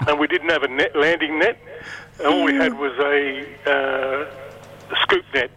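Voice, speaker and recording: A man with an Australian accent phoning a radio show, telling a colloquial, halting anecdote in short bursts. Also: a little high, steady tone, sharp tone, low-quality recording. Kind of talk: casual anecdote.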